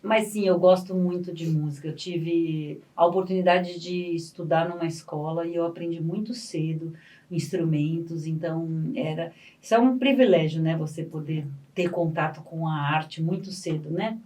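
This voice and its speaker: A middle-aged woman with a Brazilian Portuguese accent, a clown and actress guesting on a radio show, telling stories in a lively way and acting out the dialogue with big pitch swings. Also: normal speed. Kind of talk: lively anecdotal storytelling on a radio talk show. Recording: distant mic in a radio studio.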